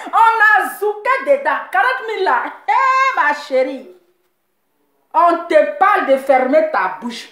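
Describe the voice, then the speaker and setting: A woman's voice: high-pitched, animated, slow, a bit bright, echoey room. A woman hosting a live show, teasing and mocking in a sing-song voice, repeating her phrases.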